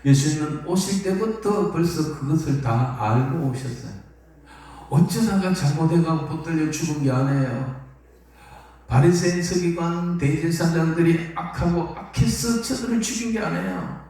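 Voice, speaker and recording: A male pastor preaching a sermon in an emphatic, animated way, repeating key phrases. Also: on the high side, moderate pace. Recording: echoey hall from far off.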